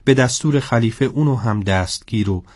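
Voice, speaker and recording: A man narrating a story in a steady, scripted storybook style. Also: mid-range voice, dry recording.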